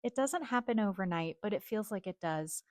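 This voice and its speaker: With a mid-range voice, this woman hosts a personal, reflective monologue, speaking in a calm, earnest, measured manner. She's in her forties, and Chinese is her first language.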